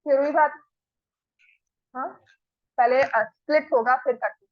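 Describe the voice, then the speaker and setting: A woman's voice: sits high, no room sound, muffled recording. A woman with an Indian accent teaching a maths class in a classroom, working through steps aloud in a mix of Hindi and English. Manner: dictates steps slowly, mixes Hindi and English.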